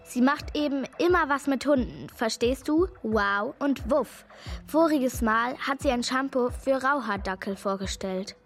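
An eager young know-it-all in a radio play. The voice is fairly high and unhurried, earnest and dramatic, with a touch of impatience and faint music behind. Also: female voice, fairly bright tone. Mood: eager, impatient. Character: excitable, know-it-all youngster, keen on influencers. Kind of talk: German audio drama acting.

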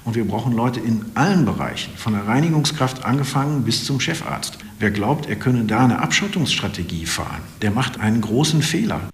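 A man's voice: mid-range voice, lively intonation, brisk, hardly any pauses, big-room sound. A man, a business chamber chief executive, explaining firmly in an interview clip. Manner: firm, explanatory.

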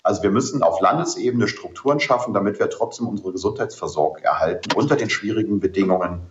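A man's voice: on the low side, fast, echoey room, highs cut off, background noise. A man who is a politician, answering interview questions in an earnest, explanatory way with frequent ums and ahs.

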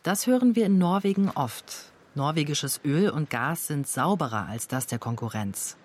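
A documentary narrator reading a scripted voice-over in a measured, matter-of-fact way. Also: medium pitch, animated.

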